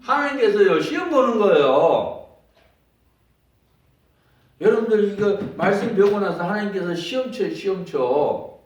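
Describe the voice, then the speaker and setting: Man, pastor, emphatic sermon, repetitive call-and-response, slightly high voice, heavy hall echo. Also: animated, moderate pace, pauses often. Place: church sanctuary. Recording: very echoey church hall, distant mic.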